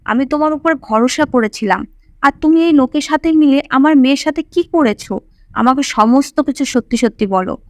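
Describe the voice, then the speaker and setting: A woman's voice: high-pitched, normal speed, no echo. A woman reading an angry rich householder. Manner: demanding, shouting questions. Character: angry wealthy middle-aged male householder.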